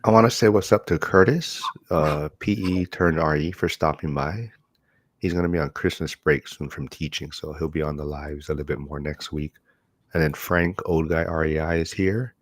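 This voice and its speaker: A man's voice: very deep voice, fairly even intonation, moderate pace, dry recording. A man hosting a livestream in casual, conversational style. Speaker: livestream host.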